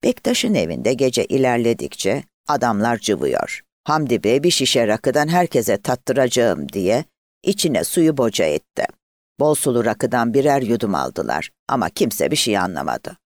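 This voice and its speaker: A man narrating a novel in an expressive, measured way. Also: medium pitch, no room sound. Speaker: audiobook narrator. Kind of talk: literary narration.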